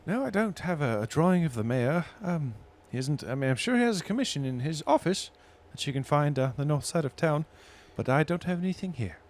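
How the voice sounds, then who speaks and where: A man's voice: on the high side, animated, fairly quick, hardly any pauses, voice pushed up. A man voicing a guarded, disgruntled barmaid in a tabletop game, hesitant and dryly cynical. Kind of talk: tabletop role-play.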